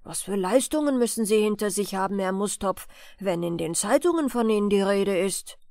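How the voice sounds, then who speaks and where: A woman voicing a gentle, homesick male donkey who speaks politely and a little sorrowfully in a bedtime audiobook. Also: medium pitch, animated, moderate pace, no room sound, clean studio sound, natural voice. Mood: admiring. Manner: wistful, polite, slightly self-pitying.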